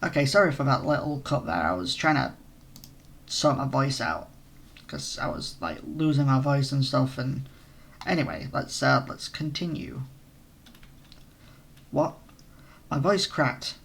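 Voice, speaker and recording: A hoarse man who is losing his voice, narrating a role-play adventure in the first person and breaking off for casual asides. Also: mid-range voice, expressive, moderate pace, a bit bright.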